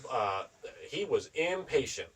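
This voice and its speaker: A man's voice: medium pitch, big pitch swings, slow pace, fairly bright tone, husky, far from the mic, rough recording. A young man co-hosting a podcast in casual chat, rambling and swearing as he tells stories. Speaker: podcast co-host.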